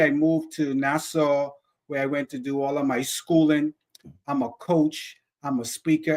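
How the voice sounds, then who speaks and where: A man with a Bahamian accent, guest on an interview show, speaking with exuberant energy and frequent laughter. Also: on the high side.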